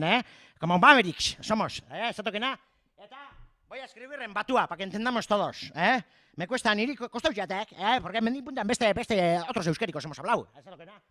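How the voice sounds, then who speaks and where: A man doing a cheeky rustic Basque villager with a Basque accent, rambling on and tagging nearly every phrase with a questioning "eh?". The voice sits high and sounds bright and sharp, with a dry, close sound and no room around it. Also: no echo. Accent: Basque Spanish. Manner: rambling, full of "eh?" tags, mixing Basque words. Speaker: comedian. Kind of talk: comic character monologue.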